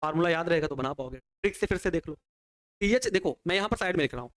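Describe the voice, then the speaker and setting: A man with a fairly high voice teaches an online exam-prep chemistry lecture. He talks through each reaction step by step. He often poses a question and answers it on the students' behalf. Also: lively intonation, fast, fairly bright tone. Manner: explains step by step at a working pace.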